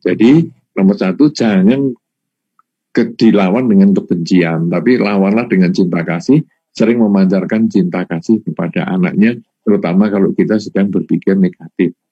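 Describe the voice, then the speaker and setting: Deep husky man giving calm advice. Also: no room sound, dull audio. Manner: measured, gives points in numbered order. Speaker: panelist answering audience questions. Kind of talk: calm advice in an online talk.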